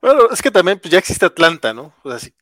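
A man's voice: high voice, big pitch swings, fast talker, a bit bright, dry recording, studio quality. A man co-hosting a casual chat, stammering as he makes his points. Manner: stammering, analytical. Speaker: podcast co-host.

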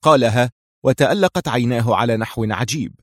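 A man narrating a thriller audiobook in a steady, dramatic storytelling manner. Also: medium pitch, fairly quick, no room sound, clean studio sound.

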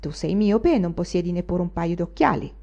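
A woman's voice: lowish voice, lively intonation, a little fast, gravelly, warm tone, lo-fi sound. Woman reading as a mocking cynical young student. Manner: sneering, jeering.

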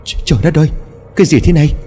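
Man voicing middle-aged mother, horrified, crying out, lively swings. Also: medium pitch, fast, faint music behind, pitched above the performer's own voice, close to an everyday voice. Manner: crying out in shock.

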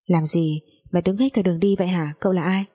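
Woman reading a bullying older mother, foul-mouthed, mellow husky low voice. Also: steady tone, fast. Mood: scolding. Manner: coarse, cursing, scolding.

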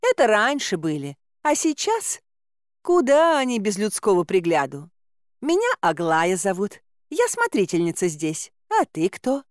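A woman voicing a plump, bossy woman caretaker who scolds in a high, lively, folksy way. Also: a little slow, no room sound, clean studio sound. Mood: chatty.

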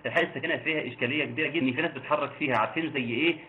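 A man with an Egyptian accent teaching Quran recitation, quizzing listeners and slowly chanting verses. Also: mid-range voice. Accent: Egyptian Arabic. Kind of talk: online tajweed lesson. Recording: tinny phone-like line with faint noise.

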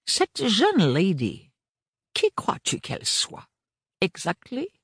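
Man doing an excitable eccentric old scholar. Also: high voice, slow pace, slightly rough, dry recording, clean studio sound, voice pushed up, full character voice. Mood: astonished. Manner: exclamatory, sprinkles English words. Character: excitable eccentric older male scholar, father.

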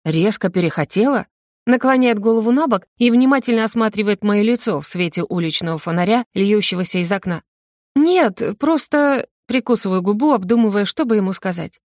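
A woman's voice: medium pitch, quick pace, few pauses, darkish tone, no echo, studio quality. A woman narrating a first-person story in an intimate, confessional reading voice. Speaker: audiobook narrator.

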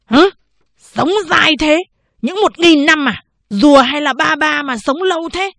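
A woman voicing a gruff, scolding old male town chief in an audiobook. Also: fairly high pitch, animated, slow pace, no echo, clean studio sound, full character voice. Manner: scolding, shouting.

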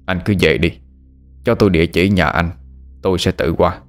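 A man's voice: low-pitched, normal speed, soft background music, lightly acted. A man doing a grave, solemn spirit master. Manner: solemn, instructive.

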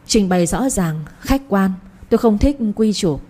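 A woman's voice: medium pitch, animated, normal speed, warm tone, lightly acted. A woman voicing a strict, authoritative mother-in-law who settles a family quarrel in a read-aloud story. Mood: stern. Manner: firm, commanding.

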